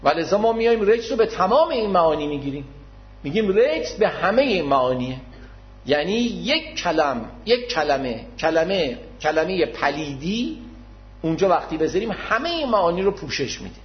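A man gives an explanatory religious lecture, patient and formal, often repeating his key terms. His voice sits fairly high for a man. The recording is dull and lo-fi. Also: sing-song. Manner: modest, addresses listeners formally.

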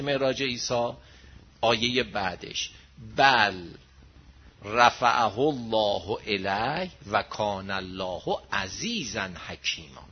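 A man's voice: a little high, slightly rough. A man giving a religious lecture, explaining verses in plain everyday talk and stressing points with emphatic questions. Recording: dull lo-fi recording.

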